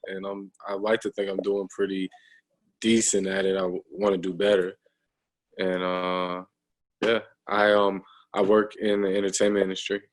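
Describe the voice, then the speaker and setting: A man's voice: low voice, level tone, normal speed, low-quality recording. A man in his thirties, a guest talking casually over a video call, hesitant, with many ums and restarts. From United States. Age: 30s.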